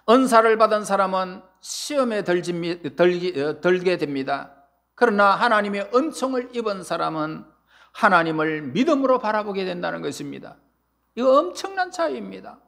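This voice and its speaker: A man's voice: high-pitched, fairly bright tone. A male pastor preaching a sermon in church, pressing words with rising emphasis and letting phrase endings fall away. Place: church sanctuary.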